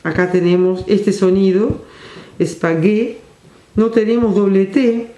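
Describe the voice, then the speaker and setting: A teacher gives a recorded university lecture, explaining at a measured pace, pausing while writing and often checking in with a soft questioning hum. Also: mid-range voice, steady tone. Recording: echoey room with faint background noise.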